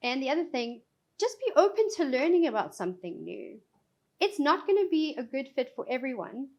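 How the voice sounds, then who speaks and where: A woman's voice: high voice, big pitch swings, brisk, a little mellow, lo-fi sound. A woman, a regional sales director, chatting as a guest in an interview, emphatic and enthusiastic. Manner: emphatic, enthusiastic, laughs easily. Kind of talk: casual interview chat.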